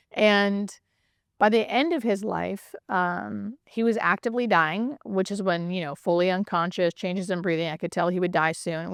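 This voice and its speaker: A woman's voice: mid-range voice, vocal fry, dry recording, studio quality. A woman who works as a hospice nurse, explaining and telling stories in a casual, emphatic way, often checking in with the listener. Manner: animated, emphatic repetition, frequent check-in questions like "right?". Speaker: hospice nurse, interview guest. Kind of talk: casual conversational explaining and storytelling.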